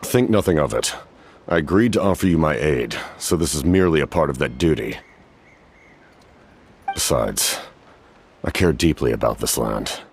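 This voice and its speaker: A man voicing a stoic, solemn, centuries-old warrior captain in a game cutscene, speaking formally and gravely in measured phrases. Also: a bass voice, expressive, a little hiss or hum. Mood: solemn, resolute. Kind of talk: dramatic video game cutscene dialogue.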